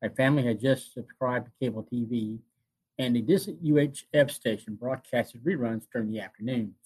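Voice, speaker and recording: A man in his fifties hosting a retrospective, narrating from notes in a halting way and often repeating phrases. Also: medium pitch, a little mellow, husky, poor audio. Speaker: host. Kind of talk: semi-scripted narration of TV show retrospective.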